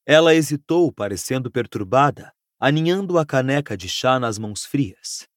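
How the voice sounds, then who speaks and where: A man with a Brazilian accent narrating an audiobook in an expressive, dramatic reading. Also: mid-range voice, moderate pace, no echo, studio quality. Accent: Brazilian Portuguese. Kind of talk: scripted narration.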